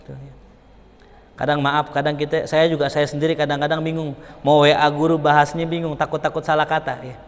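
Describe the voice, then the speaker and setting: A young man giving an informal religious study lecture, animated and chatty, acting out little dialogues and chuckling between points. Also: fairly quick, in a large hall. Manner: animated, acts out dialogues with big pitch jumps, chuckles often. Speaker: religious teacher.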